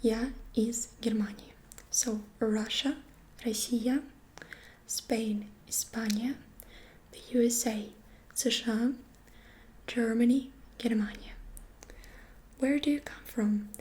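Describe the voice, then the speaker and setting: A woman giving a whispered ASMR lesson, speaking gently and softly and repeating each short phrase several times. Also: on the high side, steady tone, takes it slowly, pauses often. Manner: gentle, soft-spoken. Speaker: ASMR creator teaching phrases.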